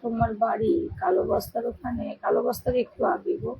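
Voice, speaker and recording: A woman's voice: fairly high pitch, expressive, fast, narrow, tinny audio, slight background noise. A woman from India with a West Bengal Bengali accent, hosting a casual live video stream, reading viewers' comments aloud and answering them. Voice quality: husky. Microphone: phone.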